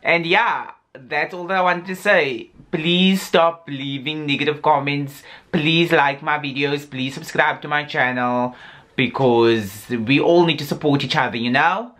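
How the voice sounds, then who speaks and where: A man's voice: a little high, measured pace, fairly bright tone. A young man from Africa, ranting casually and sassily to his vlog audience, full of "like" fillers. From South Africa. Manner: sassy, rambling, heavy on "like" fillers. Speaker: YouTuber.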